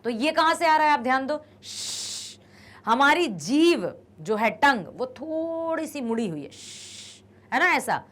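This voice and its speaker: Young woman teacher, high and animated, patient and repetitive, grammar lesson. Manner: explains patiently, repeats words slowly.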